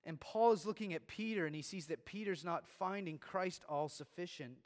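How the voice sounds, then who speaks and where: A man's voice: sits high, moderate pace. A man preaching a sermon as pastor, earnest and growing emphatic. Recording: long reverb of a large room.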